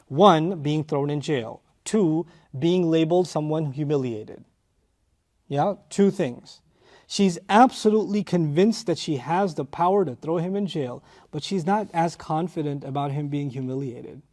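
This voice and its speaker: A man giving a tafsir lecture, explaining Arabic grammar with animated rises in emphasis, on a lapel mic. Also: high-pitched. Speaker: Quran teacher.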